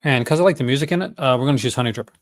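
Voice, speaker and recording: A man's voice: mid-range voice, racing. Chatty man with a Newfoundland accent. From Newfoundland, Canada. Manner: chatty, folksy, enthusiastic asides. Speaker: host of a movie-collecting vlog. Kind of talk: casual unscripted chat.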